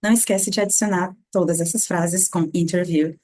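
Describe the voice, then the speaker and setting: A Brazilian woman with a Brazilian Portuguese accent giving an English pronunciation lesson, slowly repeating sounds to demonstrate them. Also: lowish voice, fairly even intonation, dark tone. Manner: slow demonstrative repetition of sounds. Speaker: English teacher.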